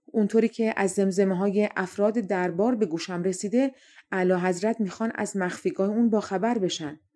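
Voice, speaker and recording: A woman voicing a spiteful, jealous young courtier who speaks slyly and flatters the king in a fairy-tale audiobook. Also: medium pitch, lightly acted. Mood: scheming. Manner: sly, fawning toward the king.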